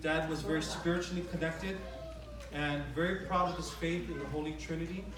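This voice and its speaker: A middle-aged man with a fairly high voice delivers an informal eulogy for his father. His speech is conversational and halting, with phrases repeated as he goes. He is recorded at a distance from the microphone in a very echoey room. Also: steady tone, crowd noise. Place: large reverberant room at a memorial gathering.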